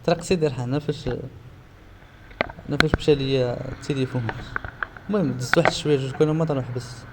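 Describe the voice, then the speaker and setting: A man's voice: medium pitch, quick pace. A Moroccan man recounting a cycling trip as a casual vlogger, often repeating his phrases. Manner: repeats himself. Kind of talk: casual vlog talk. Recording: faint background ambient noise.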